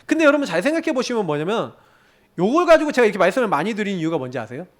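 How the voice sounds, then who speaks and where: A middle-aged man preaching a sermon as pastor, swinging between loud emphatic questions and quiet, confiding storytelling. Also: sits high, sing-song, very fast. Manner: asks the congregation questions and answers them himself.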